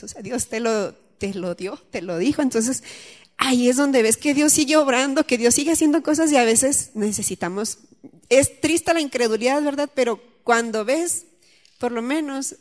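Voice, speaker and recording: A woman speaks to a congregation in a fairly high voice. She tells stories with lively energy and acts out what others said. Her voice rings with the long reverb of a church hall. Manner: animated storytelling, acts out quotes. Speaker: church teacher. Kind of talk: church talk and prayer.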